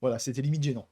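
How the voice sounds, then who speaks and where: A man's voice: mid-range voice, warm tone. A man with a lisp and an occasional stammer, chatting casually as co-host on a live stream. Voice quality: lisp, slushy s sounds. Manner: stammers at times. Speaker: co-host of a combat sports stream.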